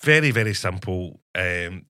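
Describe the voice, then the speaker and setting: A man with a West Coast Scottish accent hosts a podcast interview. His voice is bright and forceful, and he laughs often. The studio sound is dry and close. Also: deep voice, animated, a little slow, clean tone, no echo. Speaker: podcast host. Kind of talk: casual interview chat. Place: recording studio.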